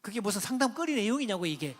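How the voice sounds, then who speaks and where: A man's voice: high-pitched, very animated, fast. A man giving a church seminar lecture on parenting, telling counseling stories and asking the audience questions. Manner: conversational, asks the audience questions; tells counseling stories and points at slides. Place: church hall before an audience.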